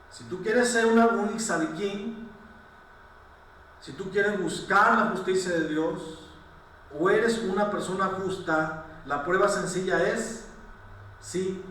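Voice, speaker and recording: Slow, echoey preaching man with a high voice. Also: a bit bright, slight background noise. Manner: repeats rhetorical questions, asks "¿sí?" often; apologetic, self-correcting asides. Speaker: pastor. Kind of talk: sermon. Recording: very echoey room, distant mic.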